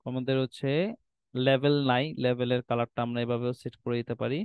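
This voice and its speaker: Clear-voiced man teaching web design. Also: medium pitch, monotone, a little fast, no echo, narrow, tinny audio. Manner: explanatory, checks in with "ঠিক আছে?", mixes English terms. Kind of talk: screen-recorded tutorial walkthrough.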